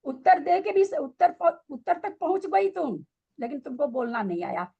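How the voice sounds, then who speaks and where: A woman's voice: high-pitched, big pitch swings, moderate pace, vocal fry, mellow, lo-fi sound. A woman teaching a scripture study class, quizzing and scolding her students with pointed questions.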